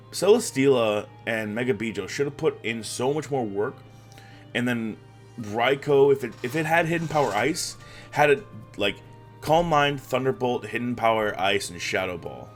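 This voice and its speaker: A man hosting a weekly league recap in a loose, chatty way, with a groggy morning voice and plenty of fillers and restarts. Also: medium pitch. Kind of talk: casual recap commentary.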